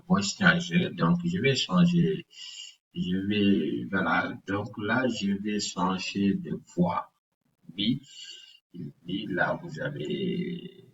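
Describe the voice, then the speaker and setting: Low-voiced man, slow, hesitant tutorial talk, roomy and distant, dull sound. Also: a little hiss or hum. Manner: hesitant, with frequent restarts. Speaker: tutorial host. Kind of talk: casual screen tutorial.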